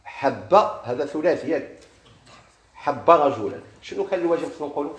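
Echoey Moroccan grammar teacher quizzing students. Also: male voice, on the high side, animated. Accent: Moroccan Arabic. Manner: quizzes students, drags out example words slowly. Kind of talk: classroom grammar lesson.

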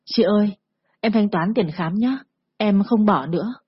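A woman's voice: mid-range voice, unhurried, slightly rough, no echo, highs cut off. A woman voicing a frightened young woman who speaks timidly and pleads politely. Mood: pleading.

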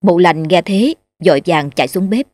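A woman narrating a ghost story in a steady, measured way. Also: on the low side, no room sound.

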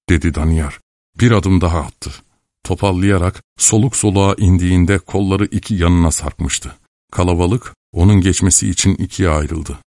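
A deep-voiced man narrating a novel in a measured, steady way. The recording is dry and close, with no room sound. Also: dry recording. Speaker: audiobook narrator. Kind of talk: scripted narration.

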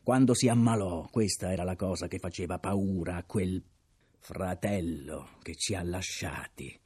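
A man's voice: low-pitched, unhurried, darkish tone, slightly rough. A man voicing a delirious, unhinged first mate who shrieks and jeers. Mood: bitter scorn. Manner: shrieking, jeering.

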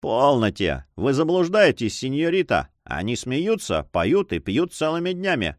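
A man's voice: medium pitch, wildly swooping pitch, unhurried, dry recording, clean studio sound, pitched above the performer's own voice. A man voicing a self-satisfied, swaggering Spanish coast guard captain in an audiobook. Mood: boastful.

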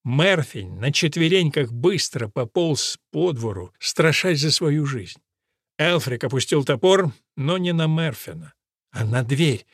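A man's voice: on the high side, animated, measured pace, husky, no room sound. Man narrating an audiobook, dry close sound.

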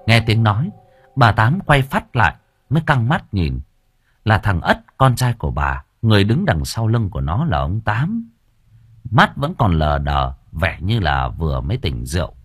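A man narrating a story in a lively, expressive reading. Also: on the low side, moderate pace, slightly rough, no room sound, clean studio sound. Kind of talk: audiobook narration.

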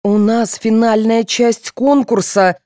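A woman's voice: high voice, big pitch swings, normal speed, a little mellow, no echo, clean studio sound, pitched above the performer's own voice. A woman doing a pushy, impatient teenage girl. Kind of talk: audiobook character voice.

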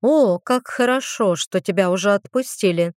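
A woman voicing a spirited young female mage student, lively and a little whiny. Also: medium pitch, normal speed, no room sound, clean studio sound, close to an everyday voice. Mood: bright.

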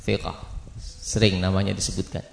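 An Indonesian man teaching a religious study class, quizzing his students and slowly spelling out names. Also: deep voice, flat delivery, creaky, roomy sound. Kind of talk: classroom lesson with questions to students. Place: study hall.

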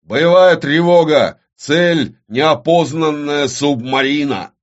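A man voicing an experienced, gruff older destroyer captain with curt military replies. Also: medium pitch, animated, normal speed, darkish tone, pitched above the performer's own voice, lightly acted. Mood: commanding. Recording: dull lo-fi recording.

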